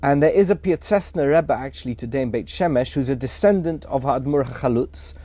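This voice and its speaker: A man guesting on a podcast explains history fluently in a lecturing, casual way, with some fillers. His voice is mid-range and dark-toned, a little fast, with no echo.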